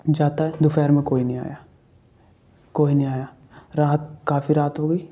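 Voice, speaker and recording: A man's voice: fairly high pitch, little pitch movement, normal speed, narrow, tinny audio. A man narrating a ghost story in a chatty, casual way, talking to his viewers and checking in with fillers. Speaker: horror storyteller. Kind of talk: casual spoken horror narration.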